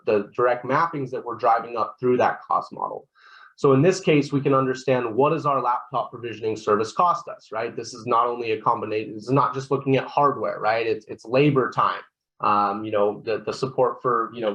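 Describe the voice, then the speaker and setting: A man presenting a software product walkthrough on a webinar. He explains steps one by one, keeps checking in with "right?", and often restarts his sentences. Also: medium pitch, highs cut off. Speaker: solution consultant presenting a software demo.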